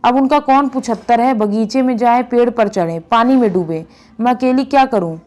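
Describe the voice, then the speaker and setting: A woman reading as a weary middle-aged village aunt in a spoken storybook. She is resentful and brushes things off with dismissive replies. The voice sits a little high. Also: moderate pace, darkish tone, close to an everyday voice.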